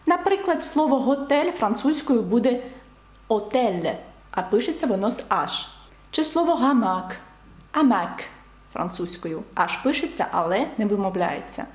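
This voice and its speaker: A woman's voice: on the high side, very animated, moderate pace, roomy sound. A woman teaching a beginners' French lesson, explaining with emphasis and repeated examples.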